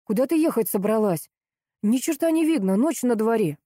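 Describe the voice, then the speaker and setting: A woman's voice: fairly high pitch, lively intonation, warm tone, dry recording, clean studio sound, pitched above the performer's own voice. A woman voicing a dazed, grumbling brother. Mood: indignant. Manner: slow, dazed and fretful. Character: bewildered, tipsy grown brother, grumbling.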